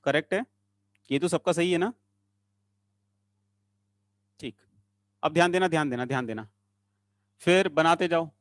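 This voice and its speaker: A man with a slightly high voice teaching a chemistry class online. He coaxes his students along, repeating short phrases in a sing-song lilt, recorded close and dry. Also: unhurried, pauses often, no echo.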